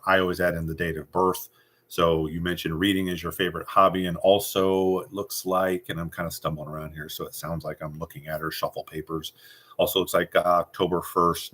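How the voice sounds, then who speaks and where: Deep-voiced man coaching sales calls. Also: fairly bright tone. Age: middle-aged. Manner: demonstrates sales phone scripts, confident and direct. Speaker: sales trainer. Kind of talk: casual instructional talk.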